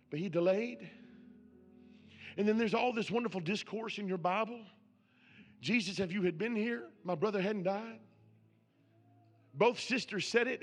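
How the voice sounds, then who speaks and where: A man's voice: high voice, husky. A man preaching a sermon as pastor, building with repeated questions.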